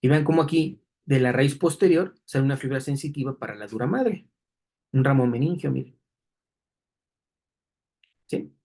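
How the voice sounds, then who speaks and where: Man, husky voice, anatomy lecture, explanatory, frequent tag questions to the class. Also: medium pitch, expressive, normal speed, long pauses, darkish tone. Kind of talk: classroom lecture walking through diagrams.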